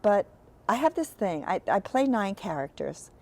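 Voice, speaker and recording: A woman, an actress and writer, talking frankly as an interview guest, halting with fillers and restarts, then giving short decisive answers. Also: mid-range voice, big pitch swings, darkish tone. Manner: short, decisive one-word answers in quick rounds. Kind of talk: candid interview conversation.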